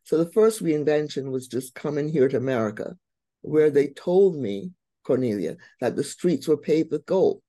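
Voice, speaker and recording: An older woman from Barbados, a guest on a radio interview, telling her story in a lively, humorous way. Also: sits low, normal speed, no room sound. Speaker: guest, brain and behavior coach.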